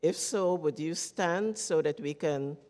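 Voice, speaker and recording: A woman leading a church service, making announcements in a measured way. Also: low voice, a little mellow, long reverb tail. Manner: slow, measured delivery. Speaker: worship leader. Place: church sanctuary.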